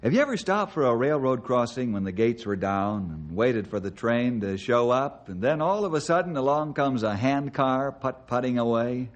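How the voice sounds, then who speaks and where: A man's voice: mid-range voice, lively intonation, normal speed, few pauses, lo-fi sound, lightly acted. A man playing a friendly forest ranger who narrates an old-time radio drama for children. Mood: friendly, chatty. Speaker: host and narrator.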